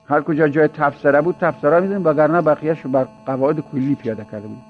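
A man's voice: a little high, faint music behind. A man teaching an informal seminary lecture, explaining points in a conversational way with repeated examples and chuckling anecdotes, on a dull lo-fi recording. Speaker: religious teacher.

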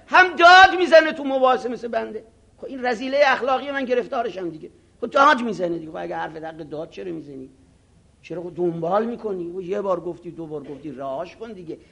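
Male cleric, moral sermon; high and bright, lively, dramatizes quotes, slow chanted scripture. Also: creaky, husky. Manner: animated, acts out arrogant voices, self-mocking; chants Arabic scripture slowly. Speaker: cleric teaching ethics. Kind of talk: moral sermon to seminary students.

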